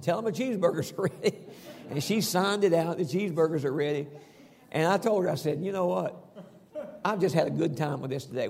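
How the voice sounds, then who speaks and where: A man's voice: a little high, vocal fry, a little mellow, slightly rough, big-room sound. A man preaching a folksy sermon, reading Scripture and telling homey stories. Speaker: pastor.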